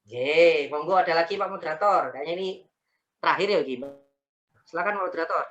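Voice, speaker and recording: A man, an Islamic preacher giving an animated, repetitive and joking talk over a video call. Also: on the high side, fairly quick, dull audio. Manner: animated, repetitive, joking, speaks heartfelt prayers aloud. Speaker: Islamic preacher answering questions. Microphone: video call mic.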